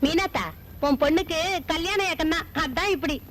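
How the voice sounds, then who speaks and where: An actress playing a shrill, quarrelsome older village woman who scolds and wails loudly, in a film. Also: moderate pace, a little hiss or hum, natural voice. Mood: scolding. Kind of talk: Tamil film acting.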